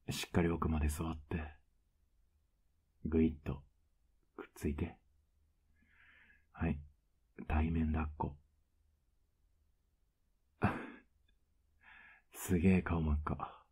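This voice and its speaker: Whispered role-play, male voice actor as a doting older boyfriend: husky, very low, flat and coaxing. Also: exaggerated voice. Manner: teasing, soft-spoken, coaxing.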